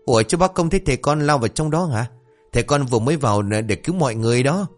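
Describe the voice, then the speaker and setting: A man's voice: medium pitch, lively intonation, rapid-fire, faint music behind, pitched above the performer's own voice, lightly acted. A man voicing two foolish young male apprentices who plead and panic over their master. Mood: eager, anxious.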